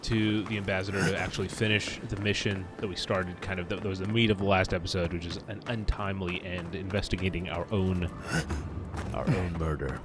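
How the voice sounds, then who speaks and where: A man's voice: sits low, fairly even intonation, a little fast, noisy background. A man doing casual live commentary on a video game as a streamer, slangy and rambling.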